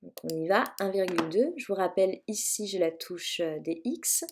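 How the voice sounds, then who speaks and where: A woman's voice: lowish voice, expressive, normal speed, noisy background. A woman teacher walking students through a calculator math lesson, chatty and self-mocking, with frequent fillers as she explains each step.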